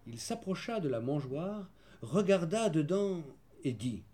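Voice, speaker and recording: A man narrating a children's storybook in the first person, measured and gentle. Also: on the high side, very animated. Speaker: audiobook narrator.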